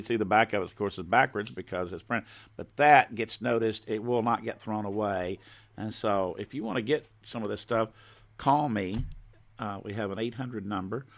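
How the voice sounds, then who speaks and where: A man talking like a folksy home shopping host on a live stream, informally showing and pitching his own products. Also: fairly bright tone. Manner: folksy, informal show-and-tell.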